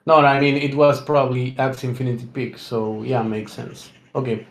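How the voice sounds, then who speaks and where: A man's voice: mid-range voice, steady tone, normal speed, reverberant, slight background noise. A man co-hosting a casual discussion, thinking aloud with many fillers and restarts. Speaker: podcast co-host.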